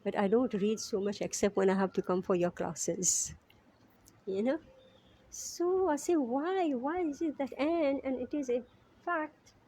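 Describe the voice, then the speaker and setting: A middle-aged woman from Mauritius teaching a scripture class in a conversational way, often asking "right?", and chanting verses slowly. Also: medium pitch, warm tone. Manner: conversational, frequent "right?" tag questions.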